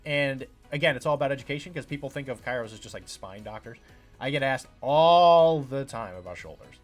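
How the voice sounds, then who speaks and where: A man's voice: medium pitch, lively intonation, fairly quick, faint music behind. A man, a chiropractor hosting his own podcast, talking in a casual rambling monologue full of fillers and acted-out patient quotes.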